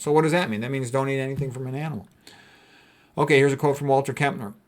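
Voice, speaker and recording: Playing a doctor, a man with a mid-pitched voice gives an informal lecture. His explanations are blunt and conversational, shifting between reading aloud and offhand commentary.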